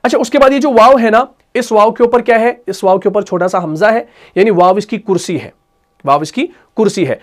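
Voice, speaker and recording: A man teaching Quran recitation rules. He asks questions and answers them himself, and repeats sounds and recites verses slowly to show them. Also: high-pitched. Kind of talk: tajweed lesson.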